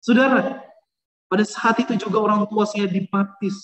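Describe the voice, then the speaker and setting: A man's voice: high-pitched, fairly even intonation, moderate pace. Fervent preaching man in an echoey hall. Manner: fervent, keeps addressing the listeners directly, swings between loud and soft. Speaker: preacher giving a conversion testimony. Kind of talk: impassioned sermon testimony.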